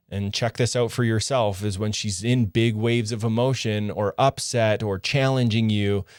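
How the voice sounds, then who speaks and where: A man's voice: lowish voice, a little mellow, dry recording, clean studio sound. A man coaching other men on relationships, talking earnestly in short, clipped phrases. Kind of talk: direct coaching monologue.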